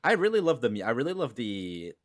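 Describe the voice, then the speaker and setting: Man, casual podcast chat, rambling, lively pitch, dry recording. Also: brisk, no echo. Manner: rambling, lots of "like", breaks into goofy voices. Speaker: podcast co-host.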